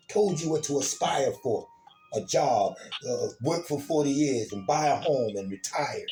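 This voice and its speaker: A man's voice: mid-range voice, a little mellow. A man giving an informal, streetwise lecture as host of his own program, cursing freely, repeating words and calling to his listeners as y'all. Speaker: self-styled teacher of an online program.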